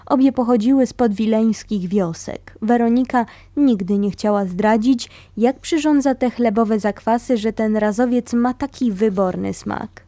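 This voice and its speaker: A woman reading a memoir aloud, telling it in a calm, steady way. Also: fairly high pitch, unhurried, hardly any pauses, no room sound. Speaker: reader of a memoir.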